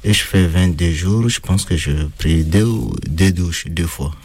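A man with a foreign accent answering interview questions in a hesitant, halting way, pausing often and filling gaps with hesitation sounds. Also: sits low, a little mellow, husky. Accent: foreign accent in French. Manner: hesitant, halting, many pauses and fillers. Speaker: interviewee recounting time in prison. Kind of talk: casual spoken testimony.

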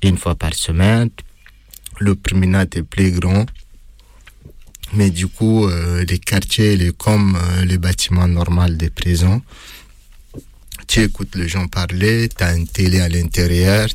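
Very deep-voiced, slow, halting man with foreign accent. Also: fairly even intonation, a little mellow. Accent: foreign accent in French. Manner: hesitant, halting, many pauses and fillers. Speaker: interviewee recounting time in prison. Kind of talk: casual spoken testimony.

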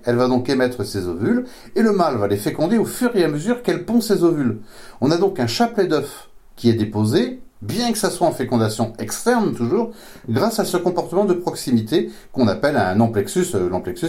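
A man's voice: mid-range voice, darkish tone. A man giving an informal, didactic science explanation as a biology expert, often repeating words as he searches for the next. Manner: didactic, with frequent self-repetitions and searching for words.

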